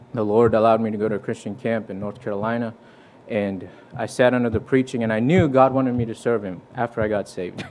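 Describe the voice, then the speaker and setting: There's a little hiss or hum behind a lowish, darkish male voice. He is a young man from Fiji, guest-preaching in a church, giving an earnest, conversational sermon about his testimony that includes restarts and scripture quotations.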